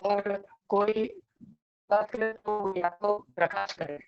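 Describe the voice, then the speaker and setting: A man speaking with a lilt joins an online religious study session. He pauses often and searches for his words, and his voice comes through clipped, distorted and breaking up. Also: sits high, steady tone, soft background music. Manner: hesitant, searching for words while recalling a text. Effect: clipped, distorted, breaking-up call audio. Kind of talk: casual remarks in a group discussion. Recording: muffled lo-fi online call line.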